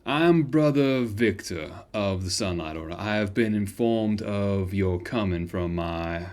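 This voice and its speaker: A man's voice: fairly low pitch, expressive, a little slow, a little mellow. A man voicing a polite, formal male cleric welcoming travelers. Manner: courteous, formal.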